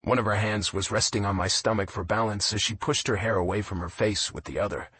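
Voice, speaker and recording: A man narrating a romance audiobook in a low, intimate first-person reading. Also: fairly even intonation, a little fast, fairly bright tone, husky, no echo.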